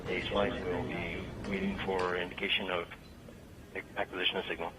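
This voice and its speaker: Very deep-voiced guy on a far-off crackly control loop, short clipped callouts, lots of hiss. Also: flat delivery, moderate pace. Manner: clipped, procedural. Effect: distant crackly mission-control radio loop. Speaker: mission controller. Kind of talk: terse flight-control radio callouts. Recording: noisy far-off radio feed.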